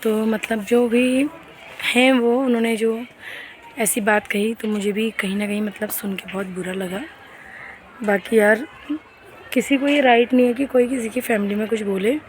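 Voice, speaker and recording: A woman's voice: a little high, steady tone, moderate pace, slight background noise. A young woman talking earnestly to her viewers in a casual vlog while walking along a street, recorded on a handheld phone. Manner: earnest, complaining, repeats herself, addresses friends often. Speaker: vlogger.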